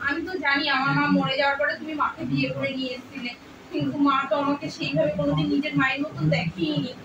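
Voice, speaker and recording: A young woman plays a gentle, mistreated stepdaughter who pleads softly in a high voice at a quick pace. She sounds distant in an echoing room with noise in the background. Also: fairly even intonation, lo-fi sound, lightly acted. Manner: soft, pleading. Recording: roomy room, mic far off, clear background noise.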